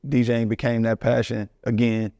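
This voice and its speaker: A man's voice: mid-range voice, flat delivery, moderate pace, mellow, no echo. A middle-aged man, talking loosely as an interview guest, rambling and restarting with plenty of slang. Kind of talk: casual interview talk.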